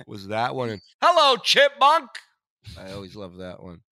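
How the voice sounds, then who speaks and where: A man's voice: low voice, a little fast, dry recording. A man hosting a podcast in casual chat, joking and swearing freely. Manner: joking, profane banter. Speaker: podcast host.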